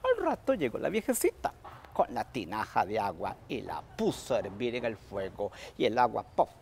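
A man's voice: fairly low pitch, wildly swooping pitch, normal speed, gravelly, darkish tone, slight background noise. A middle-aged Costa Rican man telling a folk tale to children, dramatic and full of sound effects. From Costa Rica. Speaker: children's author, guest storyteller.

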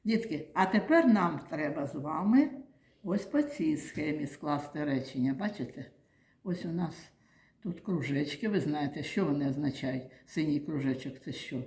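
A woman with a Ukrainian accent teaching small children in a classroom. She talks in a patient, drawn-out, sing-song way and answers her own questions. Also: low-pitched, expressive, a little mellow. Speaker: kindergarten teacher. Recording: echoey room.

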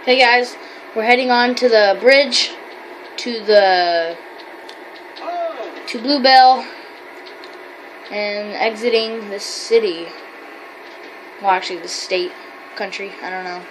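A woman's voice: medium pitch, slow pace, long pauses, fairly bright tone, a little hiss or hum, poor audio. A woman giving rambling, chatty gameplay commentary while role-playing as a trucker, with many fillers and self-corrections. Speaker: gamer.

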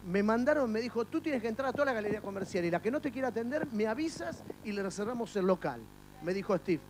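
High-voiced joking TV host. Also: male voice, animated, fast talker, background noise. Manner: joking, teasing banter with mock outrage. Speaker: comic TV host. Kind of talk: comic street interviews. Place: indoor studio and shops. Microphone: handheld microphone.

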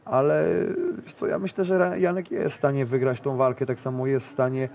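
Speaking fairly quickly at medium pitch, this thirty-something grappler is a casual interview guest who rambles, restarting often and using lots of fillers. The recording has its highs cut off, and he sits in a small studio with a decorated wall.

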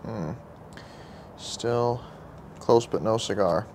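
A young man giving casual running commentary while fixing a carburetor at an outdoor workbench, in a relaxed way with muttered asides to himself. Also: on the low side, very slow, a little hiss or hum. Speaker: vlogger working on a carburetor. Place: outdoor workshop table beside a truck.

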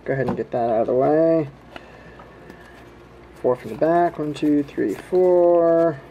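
At a table in his home, a man opens trading card packs and gives viewers laid-back, folksy commentary, recorded on a home camera. His fairly high voice has a dark tone and an unhurried pace. The audio is poor, with slight background noise.

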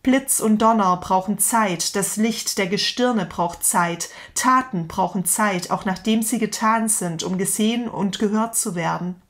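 A woman's voice: medium pitch, unhurried, hardly any pauses, fairly bright tone, natural voice. A woman voicing a frantic prophetic madman, declaiming a long chain of passionate questions. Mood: impassioned. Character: frantic grown man, a prophetic madman with lantern.

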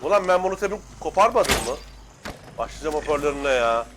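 Excitable young man shouting at a game. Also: a little high, fairly quick, background noise. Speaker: gaming YouTuber. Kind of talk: Let's Play commentary.

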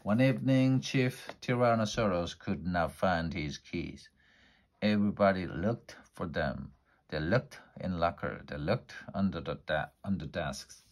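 A man narrating a children's storybook aloud with a low voice. His reading is plain and evenly paced, steady from one sentence to the next. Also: unhurried. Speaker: storybook reader.

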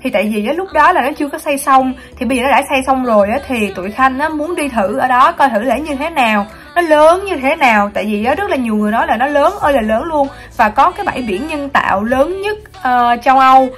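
A woman's voice: sits high, lively intonation, fast talker, hardly any pauses, fairly bright tone. A young woman with a Southern Vietnamese accent, chatting enthusiastically to viewers in a casual travel vlog while filming herself at arm's length. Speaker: vlogger. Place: outdoor shopping mall and shops. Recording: music playing under the voice. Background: background music.

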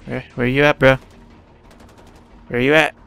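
With faint music in the background, a man with a gravelly, medium-pitched voice narrates his own gameplay for his gaming channel. He's chatty and talks to himself, rushing his words when excited.

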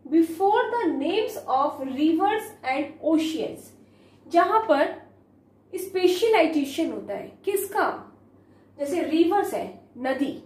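A school teacher with an Indian accent and a very high, slightly mellow voice walks young students through a grammar lesson in a reverberant space. Mixing Hindi and English, she slowly reads the rules aloud, posing questions and answering them herself.

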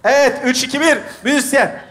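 A man's voice: extremely high pitch, fairly quick. A man hosting a stage comedy show, calling out cues and ordering the players around while laughing. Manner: bossy, laughing, shouting cues. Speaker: host directing an improv scene. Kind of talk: stage improv direction.

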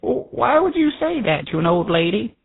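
A woman's voice: mid-range voice, big pitch swings, moderate pace, husky. A woman playing a lonely, pleading elderly widow in a prank call. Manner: pleading, needy. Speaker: prank caller. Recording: tinny phone line.

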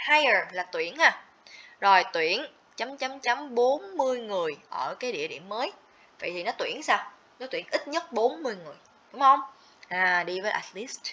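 A TOEIC teacher leads a livestream grammar lesson, explaining things step by step and checking in with her students often. Her mid-range voice is bright and forceful, though the lo-fi audio sounds slightly dull.

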